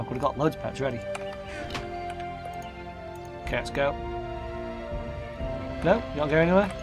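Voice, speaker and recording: A man giving casual gameplay commentary, muttering to himself and reading in-game text aloud. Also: mid-range voice. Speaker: gaming video host. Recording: game music behind.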